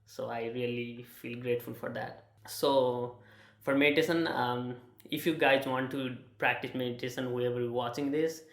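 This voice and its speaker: A young man from Nepal speaks in a personal testimonial with a Nepali accent, pausing often and restarting his sentences. His voice is gravelly and stays flat in pitch. The room around him adds a noticeable echo. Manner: halting, many fillers and restarts. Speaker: student sharing his experience.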